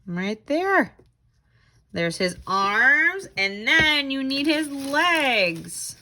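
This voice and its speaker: Her voice is high, sing-song, pushed and bright, and extremely slow. A woman tutor leading a children's read-aloud craft gives simple, encouraging step-by-step instructions.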